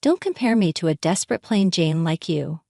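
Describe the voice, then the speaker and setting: A woman's voice: lowish voice, animated, normal speed, darkish tone, dry recording, studio quality. A woman voicing a spiteful, mocking sister-in-law in her thirties, in a condescending, taunting way.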